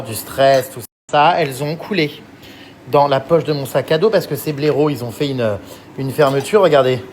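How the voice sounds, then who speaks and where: Excitable male vlogger, home kitchen, mid-pitch voice, noisy background, quick to swear and rant. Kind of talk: casual vlog to camera.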